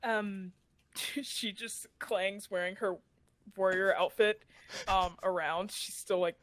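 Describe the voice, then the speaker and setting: A woman's voice: mid-range voice, fairly even intonation, slow pace, fairly bright tone, no room sound. A woman narrating as the game master of a tabletop game, casual and giggly.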